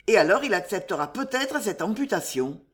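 A woman reading aloud, voicing a calm male colonel who speaks in a measured, persuasive way. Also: medium pitch, close to an everyday voice.

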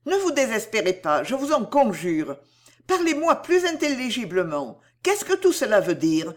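Earnest young heroine, high, lively and pleading, voiced by an audiobook reader. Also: normal speed, natural voice. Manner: pleading, emphatic. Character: earnest young woman, compassionate and resolute. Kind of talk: audiobook reading.

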